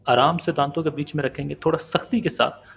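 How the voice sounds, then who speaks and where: A man teaching the pronunciation of Arabic letters in a patient, step-by-step lesson, slowly demonstrating and repeating each sound. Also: fairly high pitch, steady tone, gravelly, a bit bright, muffled recording, a little hiss or hum. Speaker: Quran recitation teacher.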